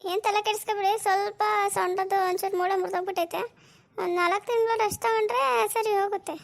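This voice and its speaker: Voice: very high voice, steady tone, quick pace, vocal fry. A performer voicing a glib, self-assured doctor in a comedy cartoon, soothing and offhand. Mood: reassuring. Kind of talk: cartoon voice acting.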